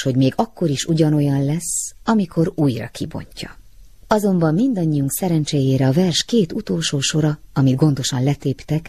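Husky low-voiced woman reading a story. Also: no room sound. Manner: gentle, dreamy, often whispering. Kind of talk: storybook narration.

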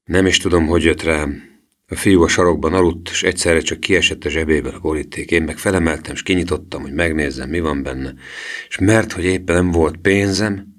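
A man voicing a sullen adult thief who speaks glumly with mock politeness. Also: extremely low pitch.

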